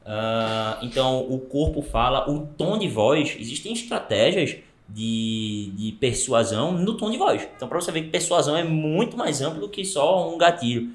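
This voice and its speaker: A man's voice: mid-range voice, animated, normal speed, few pauses. A man with a Brazilian Portuguese accent, talking casually in a podcast discussion. He speaks emphatically and animatedly, with many fillers and restarts. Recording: roomy echo.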